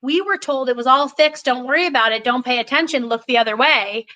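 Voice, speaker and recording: A woman's voice: high voice, brisk, pushed and bright, rough recording. A woman in her forties, a political candidate talking passionately in a podcast conversation, emphatic and full of restarts.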